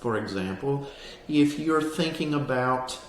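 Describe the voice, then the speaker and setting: Male counselor, calm grounding-exercise delivery, plain and instructive, roomy sound with slight background noise. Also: mid-range voice, unhurried. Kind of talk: explanatory lesson on anxiety grounding, spoken to camera.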